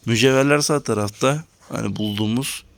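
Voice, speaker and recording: Gravelly guy chatting thru his game, grumbles at lag, dry mic. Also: medium pitch, fairly quick, no echo. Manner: talks to viewers while playing, grumbling at lag. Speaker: gaming channel host. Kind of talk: casual let's-play commentary.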